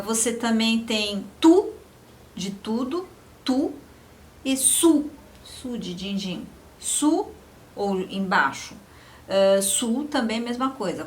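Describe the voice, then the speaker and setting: A woman teaching a beginner French lesson, slowly repeating each example word for practice. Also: on the high side, animated, a little hiss or hum.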